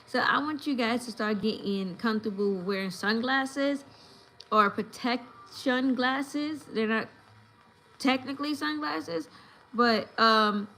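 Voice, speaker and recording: A chatty woman in her thirties, from New York, talks straight to her viewers on a home livestream, giving advice in a loose, rambling way. Her voice sits a little high, with a faint hum of room noise behind it. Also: a bit bright, poor audio. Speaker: livestream host. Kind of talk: casual livestream chat.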